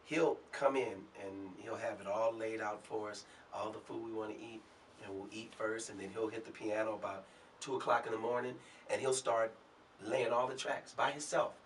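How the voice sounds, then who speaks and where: A man who is a singer and a guest on a talk show. He tells stories from his career in a relaxed way. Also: lowish voice, moderate pace, distant mic, slight background noise. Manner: relaxed anecdotal storyteller. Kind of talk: storytelling in an interview.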